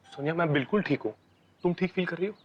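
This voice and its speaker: An actor playing a caring, protective young husband who speaks in a soothing, steady way in a TV horror drama. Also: male voice, a little high, fast talker, highs cut off, slight background noise, close to an everyday voice.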